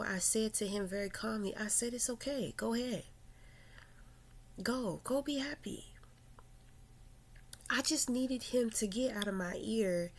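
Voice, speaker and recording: A woman speaking slowly and thoughtfully, unhurried, in a personal confessional vlog. She hesitates, restarts her sentences and fills pauses with small verbal tics. At times her voice sinks almost to a whisper. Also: medium pitch. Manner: reflective, halting, with many fillers and restarts. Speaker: vlogger.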